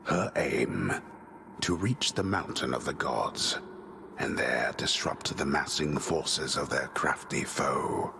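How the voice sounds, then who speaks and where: A man playing a grave old storyteller in a video game, narrating solemnly in a gravelly, stately, measured way. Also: very deep voice, lively intonation, heavily acted. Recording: game audio with noisy ambience behind.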